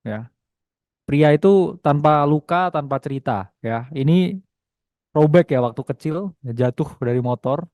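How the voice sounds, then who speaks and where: Young Indonesian man, chatty webinar host who jokes with the chat. Voice sits a bit high and mellow, close and dry on the mic. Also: unhurried, no echo. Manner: chatty, teasing, reads chat aloud, many tag "ya". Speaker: webinar host and trading teacher. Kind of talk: casual online webinar lecture.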